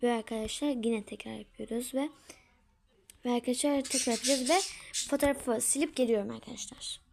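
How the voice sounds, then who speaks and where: Chatty woman with a high voice, half-whispering. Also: steady tone, a little fast, gravelly, noisy background. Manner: chatty, keeps calling out to her friends; drops to a whisper while working. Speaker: tutorial maker. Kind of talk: casual screen tutorial. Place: at home.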